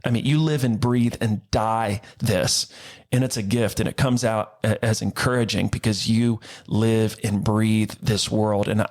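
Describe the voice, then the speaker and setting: A man's voice: on the low side, fairly even intonation, unhurried. A young adult man, a worship pastor, talking in a casual interview in an earnest, upbeat way, often restarting his sentences. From Cincinnati area, Ohio. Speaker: worship pastor, podcast guest.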